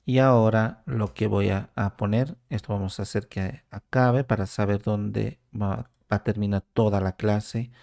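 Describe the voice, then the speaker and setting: Slow, gravelly-voiced man teaching code. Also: fairly low pitch, fairly even intonation, darkish tone. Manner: thinks aloud while typing code, with drawn-out "ah" pauses. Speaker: programming instructor. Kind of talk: screen-recorded coding tutorial.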